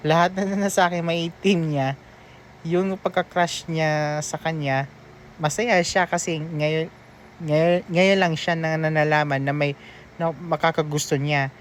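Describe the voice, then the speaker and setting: A fairly high-voiced man hosts a casual reaction video, reading posts and chats aloud. He teases, scolds in mock outrage and laughs often. A faint hum of background noise runs underneath.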